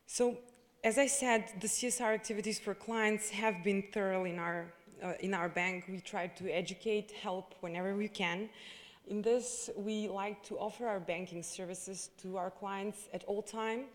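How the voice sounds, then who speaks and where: A woman's voice: medium pitch, fairly even intonation, moderate pace. A woman giving a hesitant speech at a live corporate event, with many fillers and restarts. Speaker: bank representative. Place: event hall. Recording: long hall reverb.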